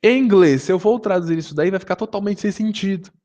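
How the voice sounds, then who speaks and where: Casual Brazilian teacher, slightly high voice. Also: male voice, quick pace, warm tone. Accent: Brazilian Portuguese. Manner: conversational teaching, lots of fillers and rhetorical questions. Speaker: English teacher. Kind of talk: online video lesson.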